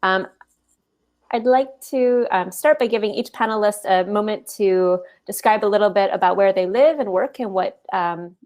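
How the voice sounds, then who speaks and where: A woman researcher leads a panel discussion. She lays out the topic in a measured, explanatory way and hesitates often with ums. Her pitch sits in the middle range. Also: darkish tone.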